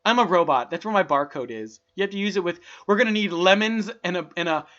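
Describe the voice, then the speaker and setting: A young man chatting on a podcast, his voice bright and forceful as he rambles animatedly through stories and acts out the lines of people in them. The recording is slightly muffled and lo-fi, with the top end dulled. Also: high voice, fast. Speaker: podcast co-host. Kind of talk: casual chat.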